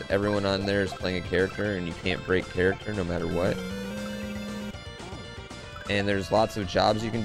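There's vocal fry in this man's lowish voice as he streams a game from a room at home, tossing profane, hyped-up slang at his chat. He's around thirty, close to an arm-mounted desk mic, with video game music running underneath.

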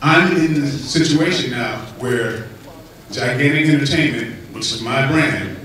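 A middle-aged man giving an award acceptance speech on stage, telling a story in an animated way and acting out the voices he quotes. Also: mid-range voice, unhurried, a faint crowd. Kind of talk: speaking on stage. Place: large cinema theater, indoors. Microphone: handheld mic, far camera. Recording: echoey theater from far off.

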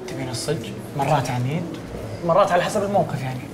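An actor playing a calm, frank young man. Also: a little high, rapid-fire, reverberant, over music, natural voice. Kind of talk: TV drama acting.

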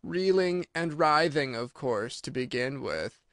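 A man voicing a melancholy old mock turtle in a storybook, sighing and self-pitying, with a slow, drawn-out, mournful delivery. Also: fairly high pitch, animated, fairly bright tone, no echo, clean studio sound, heavily acted. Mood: sighing, sad.

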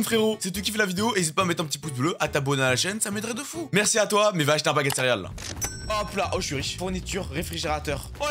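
A man giving slangy, excitable let's-play commentary as a gaming YouTuber, swearing and joking with viewers. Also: sits high. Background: background music.

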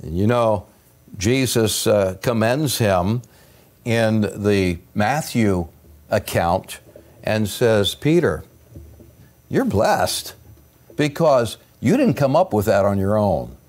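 Older pastor preaching slowly from a pulpit. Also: male voice, on the low side, lively intonation, a little mellow. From United States. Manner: earnest preaching, emphatic rises and pauses, gesturing. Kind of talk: sermon. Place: church sanctuary, indoors. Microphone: pulpit microphone.

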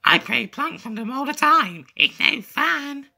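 A woman voicing a playful, prank-loving yeti creature with a slow, drawn-out delivery. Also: sits high, sing-song, creaky, sharp tone, slightly rough, pitched below the performer's own voice, heavily acted. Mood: mischievous.

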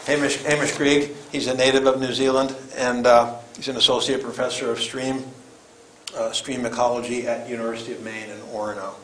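An older man giving an informal introduction as event host, in a halting, rambling way. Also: mid-range voice, flat delivery, fairly bright tone. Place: lecture room, standing away from camera. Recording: echoey room with background noise.

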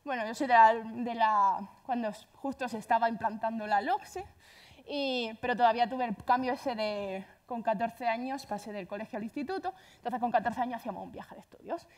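A woman with an Andalusian accent giving a chatty, self-deprecating conference talk, speaking quickly. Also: on the high side.

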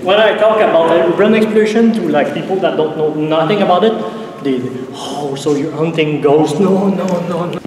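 A man chatting casually as a fellow explorer, halting and repeating himself, with plenty of swearing. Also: high voice, crowd noise. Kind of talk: casual chat. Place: dark abandoned church interior. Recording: very echoey large empty church, noisy.

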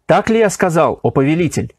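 A man's voice: fairly high pitch, very animated, fairly quick, darkish tone, no echo, clean studio sound. A man doing a bold ringing trickster hero. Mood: defiant. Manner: ringing, firm, declamatory. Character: bold clever male trickster, defiant hero.

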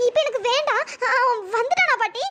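A voice actor voicing a lovesick young woman in a cartoon story, pleading and asking over and over, through a pitch-raised voice effect. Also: fairly quick, noisy background. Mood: wistful. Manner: pleading, repeatedly asking questions. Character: lovesick young woman pining for her sweetheart.

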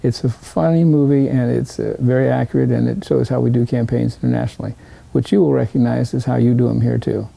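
Gravelly, dark-voiced man in his sixties. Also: mid-range voice, fairly even intonation, fast, hardly any pauses, no room sound, low-quality recording. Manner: hesitant, many fillers and restarts. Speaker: political consultant. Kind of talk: interview recollection.

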